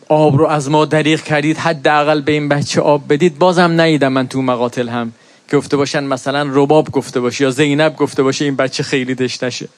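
A man's voice: fairly high pitch, dry recording. A middle-aged man preaching a mourning sermon, telling stories and rising into an impassioned, lamenting chant of recited verses.

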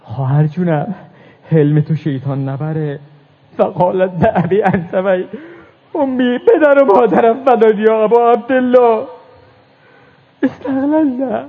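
A man preaching a religious mourning sermon, reciting Arabic verses and moving between hushed telling and rising lament. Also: sits high, pauses often. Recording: tinny phone-like recording.

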